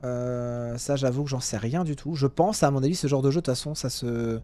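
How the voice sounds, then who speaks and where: A young man giving casual, jokey commentary while playing a driving game, now and then yelling at other drivers. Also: medium pitch, steady tone, brisk. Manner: chatty, jokey, swings to loud yelling at drivers. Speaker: gaming youtuber.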